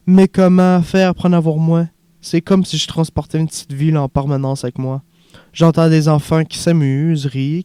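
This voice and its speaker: A man reads a young refugee man in an audiobook who is haunted and earnest, confiding his story softly. The tone is dark and mellow, the voice smooth and resonant. The recording is close and dry. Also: fairly high pitch, no echo, close to an everyday voice.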